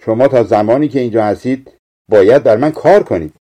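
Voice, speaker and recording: A man's voice: mid-range voice, dark tone, close to an everyday voice. A man reading aloud, voicing a cruel, hunched old witch woman who gives harsh orders. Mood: stern. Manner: harsh, commanding.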